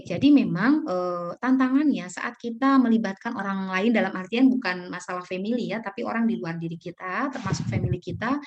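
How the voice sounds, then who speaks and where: A woman Islamic teacher giving parenting advice over a video call, explaining patiently and acting out soft words to a child. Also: highs cut off. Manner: explanatory, acts out gentle talk to children, swings pitch widely. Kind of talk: online parenting talk.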